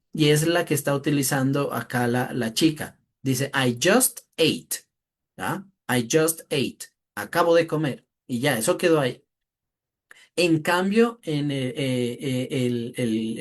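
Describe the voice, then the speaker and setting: A teacher explaining a lesson from a slide, often pausing for a quick tag question to the class and repeating words while thinking. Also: mid-range voice.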